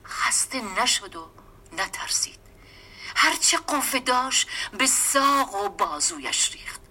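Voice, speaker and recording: A woman giving a dramatic storybook reading, often dropping into a hushed, half-whispered voice. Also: on the high side, animated, husky. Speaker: story reader.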